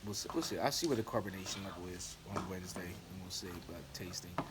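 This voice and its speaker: Low-voiced man rambling over background noise. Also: fast. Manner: hesitant, repetitive, rambling. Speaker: vlogger, home brewer. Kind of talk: casual rambling vlog chat. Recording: noisy recording with clicks.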